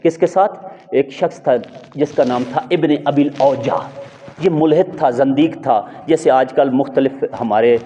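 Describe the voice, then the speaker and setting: A man's voice: medium pitch, dark tone. Guy preaching a sermon, lots of emphatic questions, dull lo-fi sound in a big hall. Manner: emphatic, rising rhetorical questions. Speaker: religious scholar. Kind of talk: sermon storytelling. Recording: dull lo-fi audio in a long-reverb hall.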